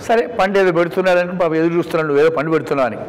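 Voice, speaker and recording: A man with a high voice teaches scripture in a devotional discourse, leaning hard on key words and then dropping to quiet asides. His voice rings through a hall with a long reverb tail. A faint hum of background noise sits under the talk. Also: racing. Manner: emphatic, instructive, swings between loud stresses and quiet asides. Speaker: religious discourse speaker.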